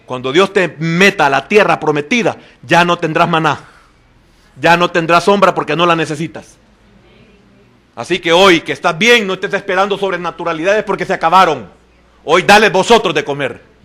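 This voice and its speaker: A man preaching a sermon in church. He talks straight to the congregation and swings between loud exclamations and hushed asides. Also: a little high, normal speed. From El Salvador. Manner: addresses the congregation directly and often as "hermano". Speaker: pastor.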